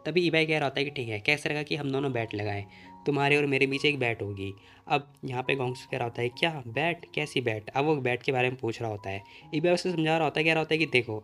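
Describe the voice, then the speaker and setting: A man's voice: mid-range voice, fairly bright tone. A man narrating a casual recap of a comic story, retelling the plot and quoting the characters' lines in his own voice.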